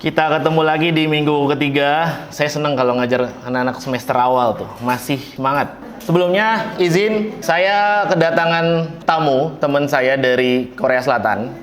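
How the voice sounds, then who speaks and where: An Indonesian man teaching a university class in a relaxed, conversational way. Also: fairly high pitch, moderate pace. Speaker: university lecturer. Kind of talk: classroom lecture.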